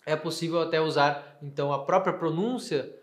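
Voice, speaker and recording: A man teaching a lesson, carefully explaining and slowly sounding out words. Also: on the high side, echoey room. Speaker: Greek teacher.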